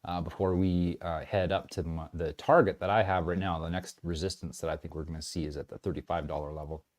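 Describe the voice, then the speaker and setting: A man giving casual, animated trading commentary, rambling and often restarting his sentences. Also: low voice, a little fast. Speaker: market commentator.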